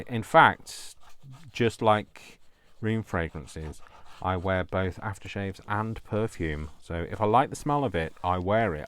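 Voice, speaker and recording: A deep-voiced man casually hosts a craft video, joking at his own expense and rambling into asides.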